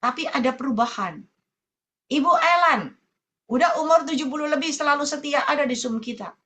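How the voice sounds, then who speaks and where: A woman's voice: sits high, lively intonation, fairly quick, sharp tone. Emphatic woman evangelist preaching. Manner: colloquial, repetitive, emphatic preaching. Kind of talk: sermon over online meeting.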